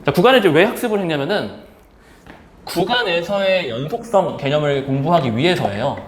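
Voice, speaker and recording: A man with a fairly high voice lectures on math at a brisk, animated clip, chatting with students in everyday terms and answering the questions he raises himself. Reverb and background noise are present.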